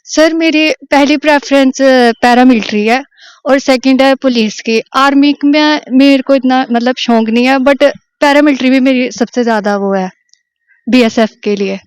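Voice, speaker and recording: A woman's voice: sits high, normal speed, clean tone, dry recording. A young woman training for recruitment, giving earnest, plain-spoken answers in an outdoor interview. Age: young adult. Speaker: recruitment aspirant.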